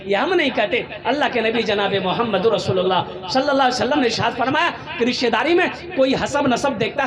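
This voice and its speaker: Male preacher, Kolkata Hindi-Urdu accent, very high voice, emphatic rhetorical delivery, crowd audible behind. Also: poor audio. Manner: rhetorical questions and exclamations, rising to emphatic peaks. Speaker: Islamic preacher. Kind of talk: Hindi-Urdu sermon to a gathering.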